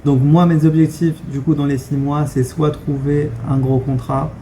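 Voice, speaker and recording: With a faint ambient hum in the background, a young French vlogger talks to camera in a relaxed, candid way, repeatedly pausing on fillers and restarting. His pitch is a little high, the voice very dark and mellow, and his melody fairly flat.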